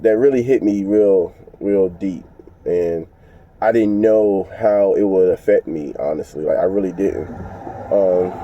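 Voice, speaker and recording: A man with a congested voice, chatting loosely to his viewers with lots of fillers and restarts while he drives. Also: low voice. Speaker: vlogger. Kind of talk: casual talk to viewers while driving. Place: inside a moving vehicle. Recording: dull lo-fi sound with loud road noise.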